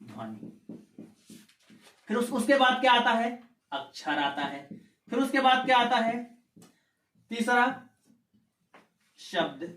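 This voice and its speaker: A man's voice: very high-pitched, sing-song, slow pace, long pauses, fairly bright tone. A man teaching an exam-prep grammar lecture, explaining step by step, asking rhetorical questions and checking in with his students. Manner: repeats points and checks in with "ठीक है". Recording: echoey room.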